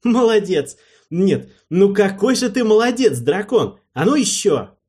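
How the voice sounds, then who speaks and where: A man playing an eager young king, husky. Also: fairly high pitch, lively intonation, takes it slowly, darkish tone, exaggerated voice. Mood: delighted. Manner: enthusiastic, cheering. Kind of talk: audiobook character voice.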